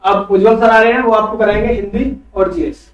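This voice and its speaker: A man's voice: high-pitched, fairly even intonation, fairly quick, dull audio. A male teacher giving an online coaching class, asking quiz questions and answering them himself. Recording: echoey room, far from mic.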